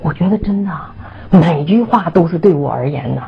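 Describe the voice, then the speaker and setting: A woman's voice: deep voice, lively intonation, brisk, creaky, husky, dull audio. A woman telling a Buddhist lay practitioner's testimony in an earnest, urging way, acting out the voices of others as she goes. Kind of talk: spoken personal testimony.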